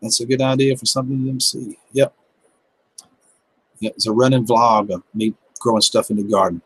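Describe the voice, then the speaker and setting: Reading viewer comments on his gardening-channel livestream, a Southern American man in his fifties keeps things laid-back, jokey and folksy. He talks at normal speed with a medium-pitched, slightly rough voice and fairly even intonation. The low-quality recording carries no room sound.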